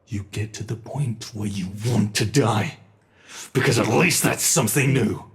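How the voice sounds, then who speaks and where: Speaking as a timeless monster under the bed, a man delivers a gravelly, brooding ASMR horror monologue at a slow pace. His voice sits on the low side.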